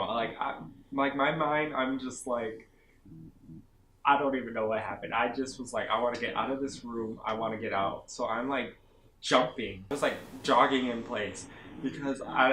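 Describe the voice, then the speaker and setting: A young man vlogging about his basic training, telling the story casually and a bit dramatically, with lots of "like" fillers. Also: mid-range voice. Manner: animated, self-dramatizing, many "like" fillers. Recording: echoey room, faint background hum.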